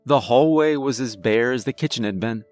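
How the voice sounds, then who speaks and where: A man reading a scary story aloud in a measured, dramatic way. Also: medium pitch, a little mellow, faint music behind. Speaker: narrator. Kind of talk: scripted horror narration.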